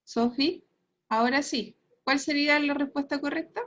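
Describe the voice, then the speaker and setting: A woman's voice: high voice, normal speed, a bit bright. A woman teaching an online physics lesson, explaining step by step and checking in with her students. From Chile. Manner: explanatory, tags phrases with "¿cierto?" and "¿ya?", laughs at own jokes. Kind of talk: online class lecture. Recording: muffled lo-fi class recording.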